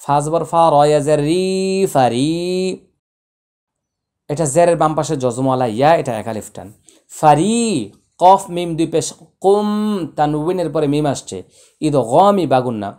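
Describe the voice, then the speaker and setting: A man teaching Quran recitation, spelling out letters slowly and then chanting the words in long, drawn-out tones. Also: on the high side, expressive, darkish tone. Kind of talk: tajweed lesson.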